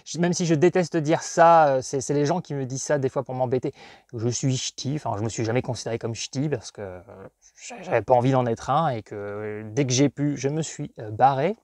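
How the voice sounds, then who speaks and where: A man's voice: mid-range voice, a little fast, darkish tone, no echo. Rambling man with a dry sound. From northern France. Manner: rambling, digressive, hesitant with many fillers. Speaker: collector vlogger. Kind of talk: casual chat.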